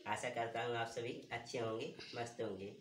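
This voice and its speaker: A man's voice: mid-range voice, level tone, moderate pace. A man teaching an English grammar lesson, asking questions and answering them himself while repeating key words. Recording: echoey room, distant mic, faint room noise.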